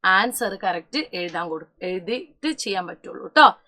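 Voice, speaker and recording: A woman's voice: mid-range voice, expressive, moderate pace, sharp tone. A young woman teaching an online class, who talks to her students as children, asks questions and answers them herself, and often stops to correct herself. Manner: mixes English words into her speech, corrects herself often.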